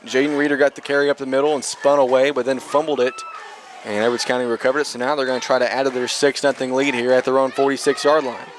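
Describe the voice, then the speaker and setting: A young man calls a high school football game play by play, with a mid-range voice. He talks quickly and corrects himself as each play develops. Faint outdoor noise can be heard behind him. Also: level tone. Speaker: play-by-play announcer.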